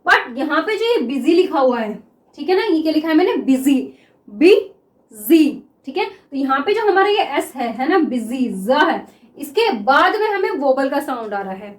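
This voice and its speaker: A high-pitched woman gives a classroom lesson, drawing out example words as she writes them and checking in with her students again and again. The room rings with a noticeable echo. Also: big pitch swings. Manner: repeats words slowly while writing, asks 'clear?' often. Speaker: shorthand teacher.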